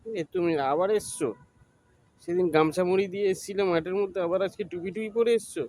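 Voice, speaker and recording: Man, high voice, exasperated, mocking comic banter. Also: steady tone, quick pace, a little mellow. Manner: mocking, exasperated, talks back to a clip. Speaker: content creator reacting to a clip.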